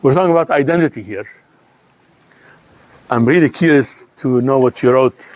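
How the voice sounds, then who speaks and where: A man's voice: mid-range voice, normal speed, a little hiss or hum. A man, a guest lecturer, closing his talk conversationally and inviting the audience's thoughts. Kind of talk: lecture wrap-up.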